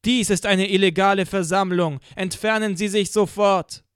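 A man voicing a commanding police loudspeaker in an audiobook, stern and loud. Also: high-pitched, steady tone, moderate pace, clean tone, no room sound, clean studio sound, pitched above the performer's own voice, natural voice.

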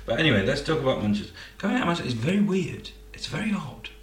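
A man's voice: fairly high pitch, sing-song, very fast. A man co-hosting a casual radio chat, joking and laughing often, breaking off and restarting sentences. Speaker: radio co-host. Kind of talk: casual banter. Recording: echoey room with loud music behind. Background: loud music.

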